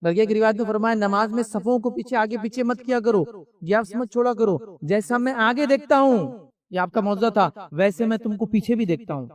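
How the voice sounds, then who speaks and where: A man's voice: sits high, recorded from a distance. A man giving a conversational religious lecture, asking rhetorical questions and answering them himself. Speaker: Islamic lecturer.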